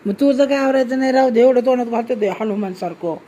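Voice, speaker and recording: Mom coaxing her kid, bit high voice, faint hum behind. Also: fast talker, warm tone, dull audio. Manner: teasing, coaxing, laughing often. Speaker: vlogger filming her daughter. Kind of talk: casual family chat.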